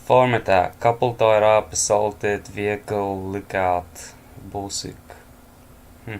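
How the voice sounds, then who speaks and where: This news commentator, exhausted and yawning, reads headlines at night from home and drops offhand remarks and chuckles. He speaks slowly in a steady tone, his fairly low voice a little mellow, with slight background noise behind him.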